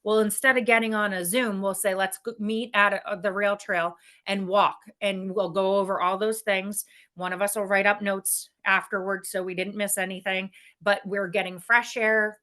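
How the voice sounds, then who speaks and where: A woman's voice: mid-range voice, normal speed, hardly any pauses. A woman guest in a casual interview, talking candidly and energetically with frequent laughs. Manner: energetic and candid, laughs often, many restarts. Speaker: guest, business executive.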